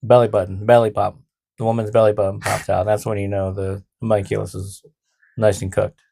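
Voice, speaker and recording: A man's voice: on the low side, level tone, brisk, gravelly, warm tone, slight background noise. A man co-hosting a casual podcast, explaining the topic with laughs and playful jokes. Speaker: podcast co-host.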